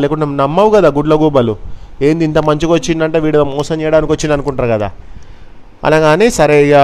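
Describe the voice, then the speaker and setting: A man's voice: mid-range voice, darkish tone, clear, resonant tone. A man telling a fable casually, explaining it with chatty asides. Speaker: storyteller.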